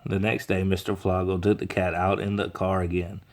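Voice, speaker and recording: Deep-voiced man reading a kids' book aloud. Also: flat delivery, normal speed, slight background noise. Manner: stumbles and restarts over words. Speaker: reader.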